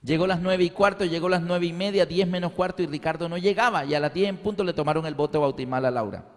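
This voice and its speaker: A man's voice: a little high, quick pace. A middle-aged man, preaching a sermon and telling a family story, acting out each person's lines. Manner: animated, acts out dialogue in voices. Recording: echoey hall with long reverb.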